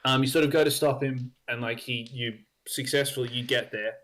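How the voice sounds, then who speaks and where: A man's voice: mid-range voice, steady tone, brisk, fairly bright tone. A young man narrating as dungeon master, hesitant with many ums and likes. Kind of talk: narrating a tabletop game.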